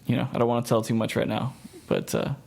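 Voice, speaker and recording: Male podcast host, gravelly, mid-pitched voice, easygoing and chatty. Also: big pitch swings, fast talker, darkish tone. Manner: wraps up and plugs the show, laughs easily. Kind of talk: casual podcast chat.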